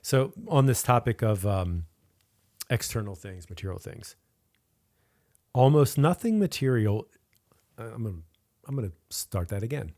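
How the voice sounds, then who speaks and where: A man's voice: lowish voice, moderate pace, a little mellow. A man co-hosting a casual podcast chat, who laughs easily and often restarts his sentences. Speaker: podcast co-host.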